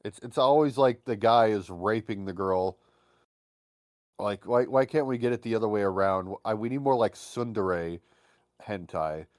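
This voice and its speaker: A man co-hosting a podcast in casual chat, animated and crude, often swearing and slipping into mocking voices. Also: on the low side, normal speed, dry recording, studio quality. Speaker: podcast co-host.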